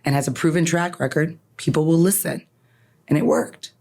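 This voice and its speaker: A low-sitting, slightly mellow female voice, delivered at a moderate pace with fairly even intonation. The speaker is an attorney raised in Canada, Farsi her first language, guesting on a podcast where she reflects on her experiences earnestly and emphatically and often ends with "right?"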